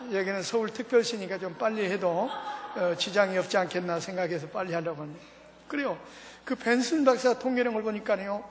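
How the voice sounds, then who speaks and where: A man preaching a revival sermon, talking fast and firing rhetorical questions at the congregation. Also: high-pitched, a little hiss or hum. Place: large church hall. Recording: long reverb of a large church hall.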